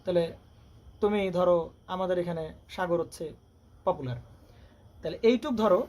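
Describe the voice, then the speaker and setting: A man with a high, somewhat mellow voice tutors students in electronics through a question-filled classroom lecture. Speaking quickly, he constantly quizzes them with rhetorical questions, while faint background noise sits under the recording.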